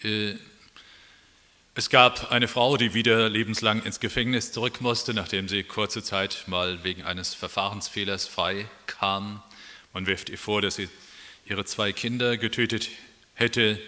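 Predigt: Mann, sachlich erzählend, im hallenden Raum. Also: male voice, on the low side, little pitch movement, a little slow, pushed and bright, in a large hall. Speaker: preacher. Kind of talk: sermon.

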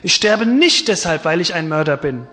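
A preacher doing a furious young convict. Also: male voice, on the high side, expressive, moderate pace. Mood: urgent. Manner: shouting, hostile. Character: defiant young male convict on death row. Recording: long hall reverb.

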